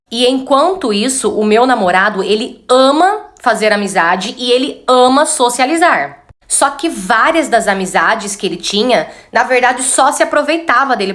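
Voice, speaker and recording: Read as a woman narrating a story calmly and evenly, in a slightly raised voice. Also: on the high side.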